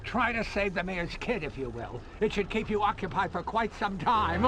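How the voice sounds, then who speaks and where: A cartoon bubble villain with a high voice that swoops theatrically. He gloats in slow, drawn-out phrases, petty and wicked, with loud music behind. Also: exaggerated voice, rough recording. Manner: drawn-out gloating with evil cackles. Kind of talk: cartoon game voice acting.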